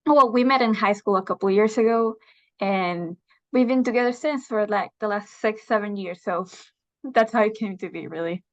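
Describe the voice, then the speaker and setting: A young woman from Venezuela answers interview questions in a thoughtful, hesitant way, often pausing with fillers. Her voice sits at a middle pitch, and the recording has a slightly dull, lo-fi sound. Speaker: interview guest. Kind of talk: video interview.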